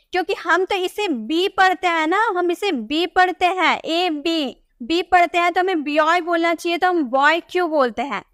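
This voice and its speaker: A woman with a Hindi accent and a very high, light voice teaches a pronunciation class. She repeats herself and answers her own questions, and the recording is dry and close with no room sound. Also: fairly bright tone, dry recording. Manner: repetitive, asks questions and answers them herself. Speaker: English teacher. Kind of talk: pronunciation lesson explaining rules.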